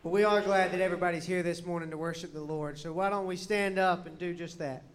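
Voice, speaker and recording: Male youth minister, upbeat and informal, high-pitched, giving announcements in a reverberant church hall. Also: fairly even intonation, fast, smooth. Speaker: youth minister and worship music helper. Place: church sanctuary, amplified. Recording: echoey hall with long reverb.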